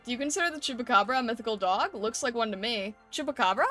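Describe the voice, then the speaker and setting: Female art streamer, higher register, informal and conversational, speaking over background music. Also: expressive, quick pace, fairly bright tone. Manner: conversational, often ends with tag questions. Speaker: streamer hosting an art livestream. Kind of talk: casual livestream chat.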